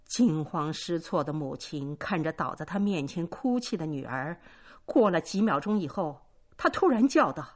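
A woman narrating a story aloud in a measured, expressive reading. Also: low-pitched.

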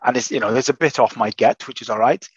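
A man recovering from an illness, talking in casual chat as a podcast host, halting and restarting often. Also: medium pitch, breathy edge, no echo, lo-fi sound. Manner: hesitant, halting with many restarts.

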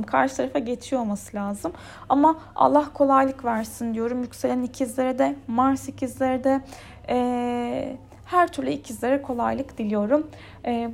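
Casting: female astrologer, higher register, strongly creaky, nonstop chatty forecast delivery. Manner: chatty, nonstop talk running on from point to point. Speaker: astrologer presenting a yearly horoscope. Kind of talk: informal spoken horoscope forecast.

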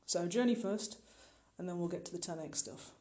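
With a warm tone, medium pitch, and moderate pace, a middle-aged podcast host chats informally in a solo monologue. He owns an online marketing business and speaks directly to the listener, earnest and emphatic.

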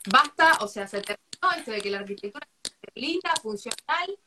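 A woman's voice: fairly high pitch, expressive, fairly quick, pushed and bright, slight background noise. A woman with an Argentine accent hosting a podcast interview, enthusiastic as she wraps up the chat. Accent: Argentine Spanish. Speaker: podcast host.

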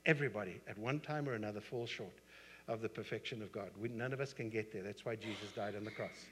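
A male pastor preaching a sermon, telling stories emphatically and swinging from soft to loud. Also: fairly low pitch, fast talker, slight background noise. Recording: husky voice in long hall reverb.

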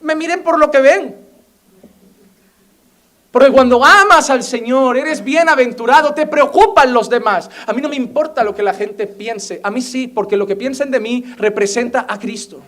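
High-voiced young pastor preaching fervently. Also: male voice, normal speed, a bit bright. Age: young adult. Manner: impassioned, mimics imagined voices. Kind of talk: sermon.

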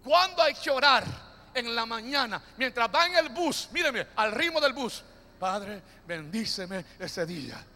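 A man's voice: very high-pitched, animated, pushed and bright. A man preaching a sermon, leading the congregation in call-and-response and stretching out key phrases. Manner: call-and-response, drawn-out emphatic phrases, playful asides. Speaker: pastor. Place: church. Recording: reverberant church hall.

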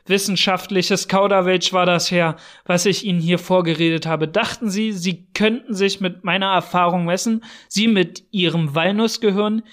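A man's voice: high-pitched, steady tone, moderate pace, hardly any pauses. A man voicing a short, explosive, arrogant older male scientist who blusters and sneers in an audiobook reading. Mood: ranting, scornful. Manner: blustering and contemptuous, bursting into shouting.

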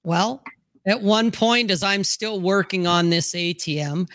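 A man's voice: sits high, measured pace, fairly bright tone, dry recording. Profane storytelling man, dry sound. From Utah. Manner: storytelling, profane, acts out quotes. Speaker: podcast host. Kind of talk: casual chat.

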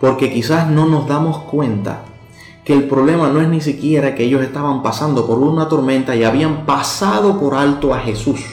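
A man's voice: medium pitch, normal speed. A man preaching a short sermon in a conversational way, speaking straight to the listener and often asking them questions. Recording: echoey room with soft instrumental music.

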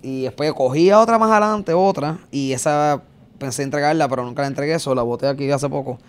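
A man's voice: a little high, fast, clean tone. A man, telling a road-trip story in casual chat and acting it out with sound effects. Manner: animated, acts out scenes with sound effects.

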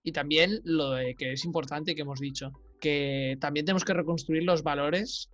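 Relaxed man, podcast co-host. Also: fairly high pitch, moderate pace, no room sound, soft background music. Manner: relaxed, jokey asides. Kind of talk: casual podcast chat.

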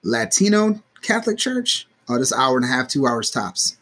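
A man's voice: mid-range voice, normal speed, slightly rough. A man co-hosting a podcast, telling stories in casual chat, swearing freely and acting out quotes. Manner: animated storyteller, swears freely, acts out quotes. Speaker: podcast co-host.

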